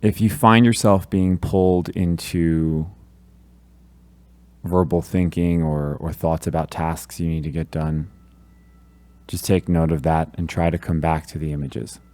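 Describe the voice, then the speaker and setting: Guiding a meditation in a low-pitched voice, a man offers calm, gentle instructions, pausing at length between each phrase.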